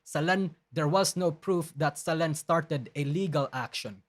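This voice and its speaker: Reading a document aloud on a live stream, a man tears into it with emphatic, argumentative rebuttals, frequently restarting sentences and cursing bluntly. His voice is fairly high and his pace measured.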